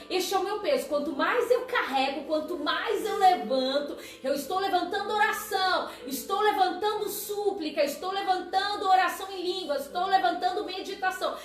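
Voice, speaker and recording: A woman with a very high voice preaches in a conversational way, checking in with her listeners as she goes. The sound is roomy and echoey, picked up from some distance, with faint music underneath. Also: a bit bright. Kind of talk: sermon on a live stream.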